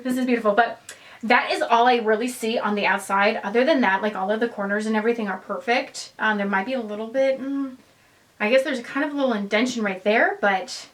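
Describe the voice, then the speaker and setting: A young woman vlogger chatting casually and excitedly through an unboxing, rambling as she goes. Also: a little high, low-quality recording. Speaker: fashion vlogger.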